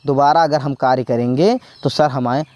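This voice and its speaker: A male teacher with a medium-pitched, steady, slightly mellow voice delivers a spoken exam-prep lesson at a moderate pace. He repeats his points, poses questions and answers them himself, and uses the word "bhaiya."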